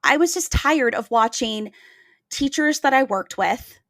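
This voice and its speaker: A woman's voice: sits high, expressive, unhurried, no room sound, studio quality. A woman hosting a podcast, telling a reflective story in an earnest, emphatic way. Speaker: podcast host.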